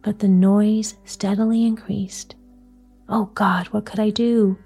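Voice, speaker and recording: A woman reading a story aloud in a soft, breathy whisper, storytelling at bedtime. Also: mid-range voice, flat delivery, takes it slowly, soft background music.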